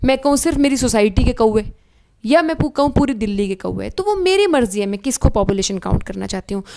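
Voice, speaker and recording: High-voiced woman teaching biology. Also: fast, vocal fry, slight background noise. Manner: animated, addresses students as beta, asks checking questions. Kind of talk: online exam-prep lecture.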